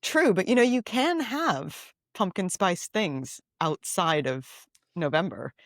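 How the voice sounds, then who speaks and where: A woman co-hosting a podcast in casual chat, speaking with a cold, chatty and quick to laugh, often repeating her phrases. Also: fairly low pitch, lively intonation, no room sound, studio quality. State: has a cold. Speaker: podcast co-host.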